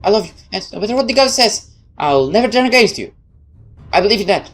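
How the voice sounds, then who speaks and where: A woman's voice: expressive, quick pace, close to an everyday voice. A woman voicing a devoted, anxious female retainer in a game story, earnest and deferential toward her lady. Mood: resolute, devoted. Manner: earnest, deferential, higher-pitched.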